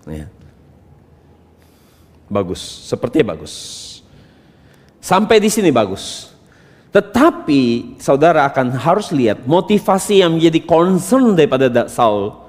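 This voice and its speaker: A male pastor preaching a sermon from Indonesia, asking rhetorical questions and swinging between quiet asides and loud emphatic bursts. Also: a little high. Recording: reverberant church hall.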